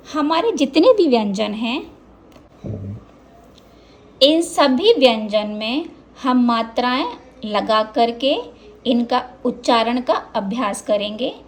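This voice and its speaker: A woman teaching a lesson, drawing out each syllable in slow drills. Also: sits high.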